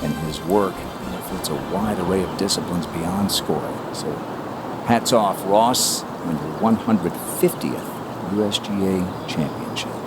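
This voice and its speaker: A man working as a golf commentator, calling a televised tournament in measured phrases with dramatic pauses. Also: low-pitched, loud music behind the voice, poor audio. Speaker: golf commentator, lead play-by-play announcer.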